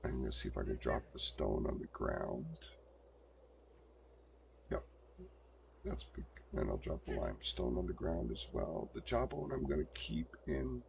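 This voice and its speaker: Gravelly older man muttering through gameplay. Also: extremely low pitch, huge pitch swings, moderate pace, pauses often, noisy background. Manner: muttering to himself while playing. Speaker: gameplay streamer. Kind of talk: casual gameplay commentary.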